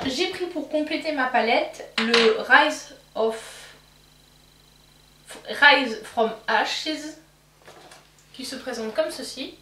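A beauty vlogger chats casually through a makeup haul, her high, bright voice forceful yet self-mocking and packed with fillers. She's recorded in a roomy space a little away from the mic, with slight background noise.

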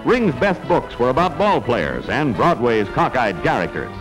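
A man's voice: mid-range voice, sing-song, moderate pace, rough recording. A man narrating in the style of an old newsreel, with clipped headline phrasing that drops articles. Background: loud music.

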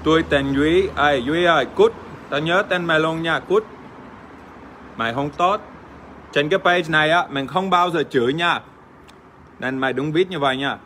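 An Australian man, native English speaker, joking crudely with fans in casual livestream chat, halting with fillers and swearing playfully. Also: fairly high pitch, pushed and bright, slight background noise. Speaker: livestream host. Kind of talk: casual livestream chat reading fan comments.

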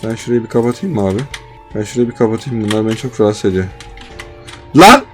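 A man with a Turkish accent giving excitable live commentary while playing a survival game, swinging between panicked yelps and exasperated complaints. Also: on the low side, very fast, over music. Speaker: gaming YouTuber.

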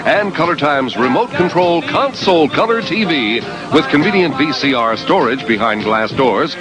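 A man working as a game show announcer, reading scripted prize copy in a booming, emphatic delivery. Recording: TV broadcast, loud music underneath. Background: loud music.

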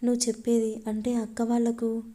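A woman's voice: fairly high pitch, completely flat delivery, a little fast, warm tone, natural voice. A woman voicing a tender, reassuring young man comforting his girlfriend. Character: caring young man, protective boyfriend.

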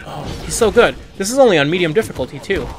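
Young male let's-player, slightly high voice, reactive and mumbly, with game music playing clearly underneath. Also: animated, fast talker. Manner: reactive, groans and mutters at setbacks. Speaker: let's play gamer. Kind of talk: casual gameplay commentary. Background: game music and sound effects.

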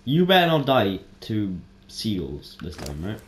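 A man giving casual, chatty let's-play commentary as a game streamer, excitable and prone to sudden startled yelps. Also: lowish voice, unhurried. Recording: roomy echo, faint noise.

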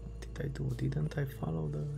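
A gameplay streamer giving casual commentary, halting and musing to themselves. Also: mid-range voice, flat delivery, vocal fry.

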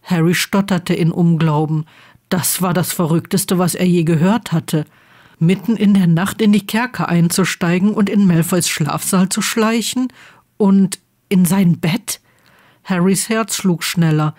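A woman reading a fan story aloud in a steady, even storytelling voice. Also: on the low side. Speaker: fan fiction reader. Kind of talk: storybook narration.

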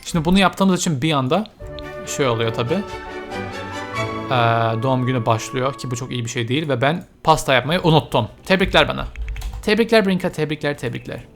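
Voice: medium pitch, expressive, fairly quick, music in the background. Chatty let's-player talking to game characters. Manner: chatty, talks to game characters, frequent exclamations; mixes English game terms into speech. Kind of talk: casual let's-play commentary.

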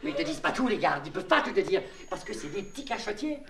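In a full character voice that sits high, sing-song and gravelly, a fast-talking Québécois comedian plays a naive, childlike vagabond clown. He rambles and confides to the listener with mangled words and puns, heard through an echoey, distant, noisy old LP recording.

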